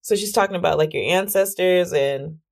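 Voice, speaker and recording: A woman's voice: lowish voice, moderate pace. A woman hosting a podcast, telling a story in a casual, chatty way full of fillers. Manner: chatty, many fillers like "like" and "or whatever". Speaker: podcast host.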